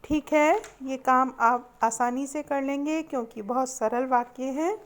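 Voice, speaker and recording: A woman teacher talks through a recorded lesson in a high voice. She takes her time and goes over each example again, leaning on the words she wants the class to remember. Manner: explains slowly, repeating examples with emphasis. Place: recorded at home on a phone app.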